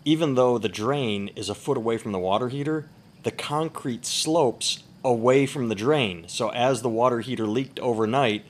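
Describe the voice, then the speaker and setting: Keeping his voice down so as not to wake others sleeping nearby, a man podcasts casually from an upstairs room at home at night, rambling profanely through stories. He talks at medium pitch and normal speed, with clear room noise in the background.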